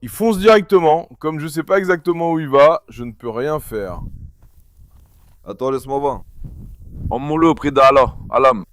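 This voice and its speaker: A man's voice: fairly high pitch, lively intonation, moderate pace, a bit bright, dry recording. Man vlogging on a farm, coaxing his dogs. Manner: coaxing, calls dogs repeatedly. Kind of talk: casual vlog talk to camera. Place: outdoors on a farm with animals.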